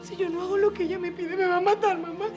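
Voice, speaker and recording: A woman's voice: extremely high pitch, steady tone, fast, music in the background. A woman voicing a frightened, pregnant young woman who pleads through tears in a fan telenovela dub. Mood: terrified. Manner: sobbing, pleading.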